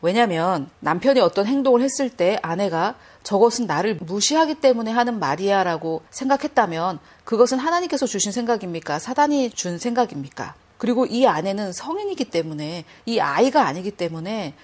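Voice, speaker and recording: A woman's voice: mid-range voice, expressive, fairly quick, few pauses, a little mellow. A woman giving sermon-style Bible teaching, earnest and explanatory, speaking straight to her listeners and acting out quoted dialogue.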